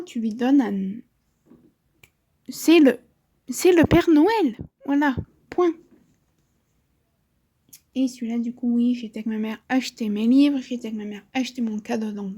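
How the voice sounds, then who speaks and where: Young woman book vlogger, slow and mellow, slightly high, rambling casual chat full of self-corrections. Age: 20s.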